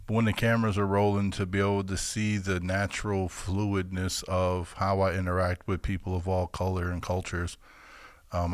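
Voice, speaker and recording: A man's voice: deep voice, no echo. A young man in his twenties hosting a casual podcast chat, upbeat and emphatic, with lots of fillers. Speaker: podcast host.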